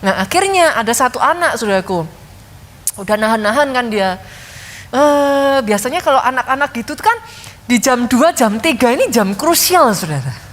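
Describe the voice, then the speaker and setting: A middle-aged woman pastor preaching a sermon to her congregation, telling lively stories and addressing them often. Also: on the high side, moderate pace. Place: large church hall. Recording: long hall reverb.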